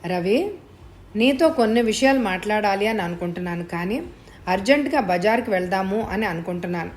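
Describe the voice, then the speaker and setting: A woman's voice: medium pitch, animated, a little fast, natural voice. A woman voicing an older wealthy lady, earnest.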